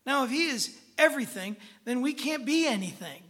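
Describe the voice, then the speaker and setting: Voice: sits high, expressive, brisk, fairly bright tone. A preacher giving a conversational Bible-teaching sermon in a folksy, informal way, often checking in with the listeners.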